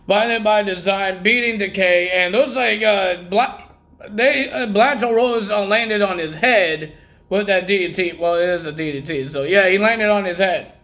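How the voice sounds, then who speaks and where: A man's voice: high-pitched, a little slow, a bit bright. A man recapping wrestling results in a casual vlog, rambling and correcting himself while he has the hiccups.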